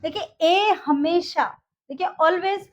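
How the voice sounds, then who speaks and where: A woman's voice: very high voice, takes it slowly. A woman teacher explaining English pronunciation in a video lesson, mixing in English phrases and often checking in with "okay". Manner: repeats words and checks in with "ok" and "dekhiye"; mixes Hindi with English phrases. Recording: slightly dull lo-fi audio.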